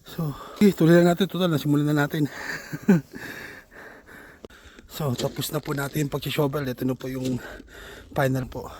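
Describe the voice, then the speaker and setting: A man's voice: fairly high pitch, fairly even intonation, normal speed, pauses often, darkish tone, slight background noise. An older man, narrating a casual vlog while he shovels snow outdoors. He is out of breath and laughs often between phrases. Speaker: vlogger.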